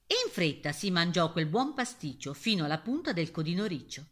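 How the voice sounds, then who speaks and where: A woman's voice: on the low side, big pitch swings, brisk, a bit bright. A woman reading a rhyming fairy tale aloud, playful and theatrical. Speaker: storyteller.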